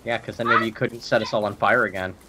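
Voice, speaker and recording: A man's voice: lowish voice, fairly even intonation, quick pace, very noisy. A man playing a co-op game with friends, teasing them playfully and slipping into silly voices. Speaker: co-player. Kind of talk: casual gaming chat.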